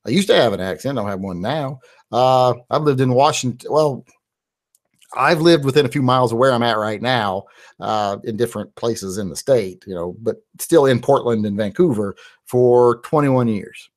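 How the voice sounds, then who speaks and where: Speaking at a normal speed and medium pitch, a man in his forties from West Virginia takes viewer questions on a live stream. His replies wander conversationally and are peppered with "uh" fillers. He's in a small home studio with headphones and a big boom-mounted studio microphone.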